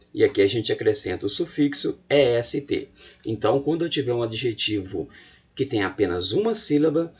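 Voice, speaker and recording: A man's voice: medium pitch, darkish tone, slightly rough. A man with a Brazilian Portuguese accent teaching a recorded video lesson, explaining step by step and often checking in with his students.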